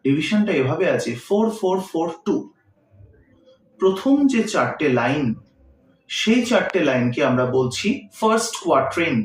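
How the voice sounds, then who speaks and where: Echoey male teacher explaining step by step. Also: a little high. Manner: explains in short, paced phrases, mixing in English terms. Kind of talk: literature lecture. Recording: roomy echo, mic set far off.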